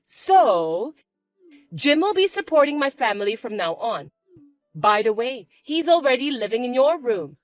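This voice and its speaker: A woman voicing a spiteful, bossy young stepsister who talks in a shrill, mocking, shouty way. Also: sing-song, a little slow, no echo, clean studio sound, faint music behind. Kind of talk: chat-story voice acting.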